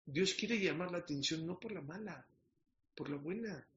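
A man's voice: on the high side, moderate pace, fairly bright tone, muffled recording. A man preaching a sermon, telling a parable and asking his listeners questions. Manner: storytelling with questions to the audience.

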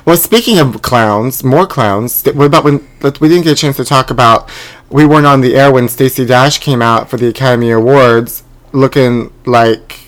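Campy male comic host, mid-pitched, recorded inside a closet. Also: moderate pace. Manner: campy, calls people honey. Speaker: podcast host and comedian. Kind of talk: casual comedic chat.

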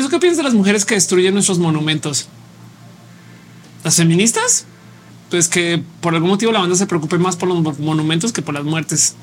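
A man with a Mexican Spanish accent hosting a casual live show, thinking aloud in a conversational way and reading viewer comments. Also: high voice.

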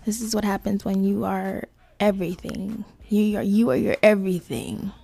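A woman hosting a casual solo podcast, talking to listeners in slangy, sweary asides with creaky vocal fry. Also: medium pitch, steady tone, moderate pace, dark tone. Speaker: podcast host.

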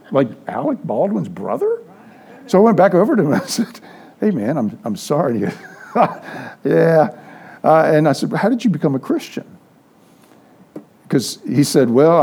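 An older man teaching a church Sunday school class, telling anecdotes and acting out the dialogue. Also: medium pitch. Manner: lively storyteller, acts out quoted dialogue. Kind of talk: informal sermon with storytelling.

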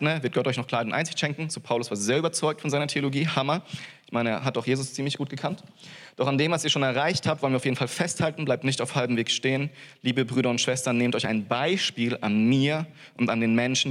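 A man's voice: mid-range voice, a bit bright. A man preaching a casual sermon, talking in a loose, conversational way with frequent asides and small jokes. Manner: conversational, many fillers and "hey" asides, jokey. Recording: long reverb of a church hall.

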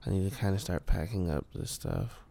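A man's voice: low-pitched, lively intonation, a little fast, vocal fry, warm tone. A man chatting casually at home for a vlog update as an expectant father. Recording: noisy background room ambience.

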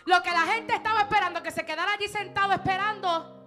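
A woman's voice: extremely high pitch, fairly even intonation, fast. A woman preaching a sermon, repeating her lines and rising into emphatic exhortation. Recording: loud music behind the voice.

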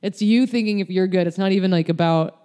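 Young woman, casual podcast guest; mellow tone, candid, meandering delivery. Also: mid-range voice, fast talker, clear, resonant tone. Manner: rambling, filler-heavy, candid. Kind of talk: casual chat. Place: LA area.

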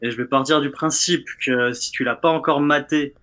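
Give me a casual, mid-pitched man. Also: steady tone, moderate pace, fairly bright tone. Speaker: show columnist. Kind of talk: casual live presentation.

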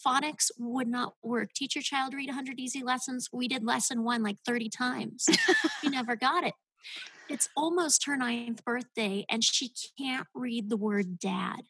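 A woman's voice: fairly high pitch, normal speed, fairly bright tone, breathy edge, dry recording, poor audio. A woman guest on a podcast, telling her story as a homeschooling mother in an earnest, heartfelt way. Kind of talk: casual podcast interview.

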